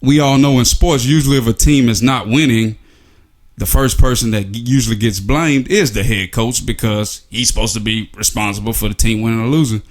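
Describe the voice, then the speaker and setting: A man's voice: medium pitch, brisk. Sarcastic man ranting about sports. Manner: sarcastic, rhetorical, filler-heavy. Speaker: sports commentary vlogger. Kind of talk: casual opinion monologue.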